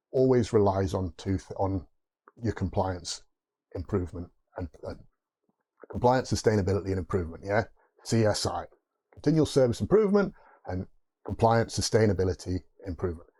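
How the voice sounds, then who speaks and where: A man's voice: on the low side, warm tone. A man with a Geordie accent hosting a tech video, explaining ideas off the cuff with restarts and rhetorical asides. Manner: rambling, restarts mid-thought, rhetorical asides. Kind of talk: unscripted explainer to camera.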